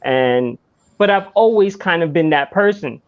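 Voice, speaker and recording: A man's voice: on the high side, lively intonation, unhurried, muffled recording. A man hosting a podcast in casual chat, laid-back and swearing freely. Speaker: podcast host.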